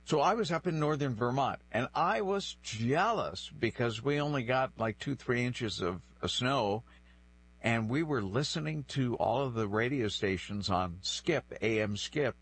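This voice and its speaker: This interview guest, a man in his sixties from New Bedford in the northeastern US whose first language is French, reflectively recounts personal stories in conversation. His mid-range voice is expressive, a bit bright, and a little slow, with a breathy edge, heard through a low-quality recording.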